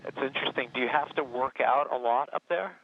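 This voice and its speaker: A man's voice: medium pitch, brisk, dry recording. A man asking casual, curious questions over a radio link like a sci-fi communicator. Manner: curious, easygoing questions with fillers. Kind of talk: casual live chat. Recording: tinny dry radio line.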